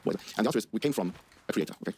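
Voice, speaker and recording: Rapid-fire eager man. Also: on the low side, expressive, darkish tone, husky. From Egypt. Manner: eager, repetitive, many fillers. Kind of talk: stage discussion.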